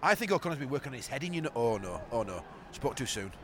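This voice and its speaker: Male football podcast host, Yorkshire accent, quick and very animated, blunt casual banter, recorded outdoors with ambient noise. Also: mid-range voice, a crowd in the background. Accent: Yorkshire English. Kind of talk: casual banter and excitable live match commentary. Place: outdoors in the stands at a football match.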